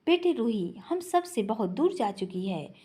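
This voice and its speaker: A woman voicing a sorrowful middle-aged mother, gently and tearfully consoling her son. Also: a little high, very animated, unhurried.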